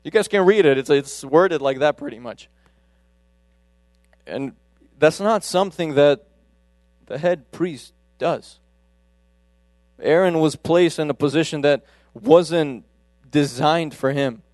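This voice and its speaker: A man's voice: on the high side, takes it slowly, long pauses, darkish tone, no echo, clean studio sound. A man giving a conversational sermon, often breaking off and restarting his sentences. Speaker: preacher. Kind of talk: casual sermon.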